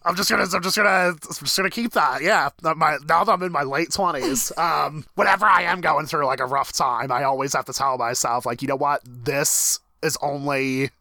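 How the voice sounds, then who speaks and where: Bright, animated man in his thirties. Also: normal speed, gravelly, hardly any pauses, dry recording. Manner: animated, jumps high in pitch when acting out reactions. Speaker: podcast co-host. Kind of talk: casual discussion of a TV episode.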